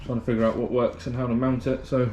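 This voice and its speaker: A man's voice: medium pitch, level tone, fast talker, a little mellow, lo-fi sound. British man, casual workshop vlog, rambling fillers, slightly panting, faint garage hum behind. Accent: British English. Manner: chatty, rambling, lots of ums and so-yeahs. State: slightly out of breath from heat. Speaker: amateur race car builder.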